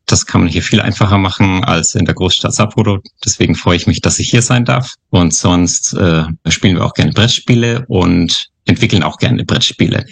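A man in his thirties from Upper Franconia speaks as a guest on a podcast interview. His voice is low, gravelly and a little husky, and he talks calmly with small hesitations. The recording is dry and close. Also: moderate pace, hardly any pauses, no room sound. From Upper Franconia, Germany. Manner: calm, quiet, hesitant with fillers. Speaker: missionary guest.

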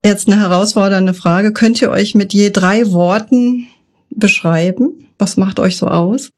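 A woman's voice: medium pitch, steady tone, measured pace, a little mellow. A woman hosting a podcast interview, asking her guests friendly questions.

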